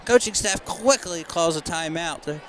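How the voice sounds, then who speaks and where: A young man with a high voice calls a high school football game live, chatty and quick to echo the official calls. A crowd murmurs faintly and outdoor noise sits behind him. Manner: chatty, repeats the official calls, excitable on fumbles. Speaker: play-by-play announcer.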